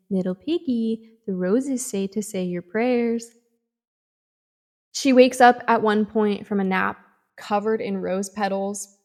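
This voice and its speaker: A woman giving a casual book review, retelling the plot in an animated way with swings in tempo and lots of fillers. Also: medium pitch.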